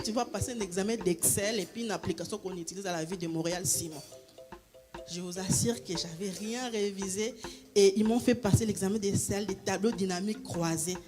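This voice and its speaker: A woman, giving a spoken testimony with hesitant restarts and a raised voice when she acts out dialogue. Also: medium pitch. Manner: hesitant, repeats words and restarts often. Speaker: church member giving a testimony.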